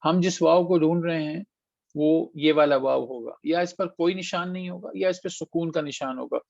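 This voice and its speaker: A man's voice: on the high side, creaky, darkish tone, dry recording. A man teaching Quran recitation in an online lesson, patiently explaining step by step, demonstrating sounds and mixing in English phrases, over dull, dry call audio. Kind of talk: online tajweed lesson answering students.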